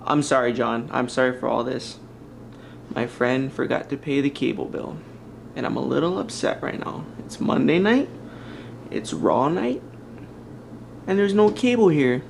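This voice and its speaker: A man's voice: medium pitch, a little slow, vocal fry, long pauses, background noise. A man playing an overexcited wrestling superfan in a mockumentary, gushing in a fanboy way. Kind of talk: mockumentary acting.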